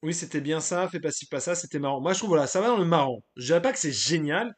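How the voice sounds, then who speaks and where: A man's voice: fairly high pitch, expressive, quick pace. A man hosting a live stream, chatting casually and loosely, giving his opinions and greeting viewers from the chat, with frequent hesitations.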